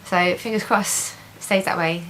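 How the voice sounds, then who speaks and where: A woman's voice: lowish voice, fairly even intonation, normal speed, a bit bright, rough recording. A woman giving a casual video diary update, chatty and positive in an informal, conversational way. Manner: chatty, repeats intensifiers, positive and reassured. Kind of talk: casual chat to camera. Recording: hissy home recording.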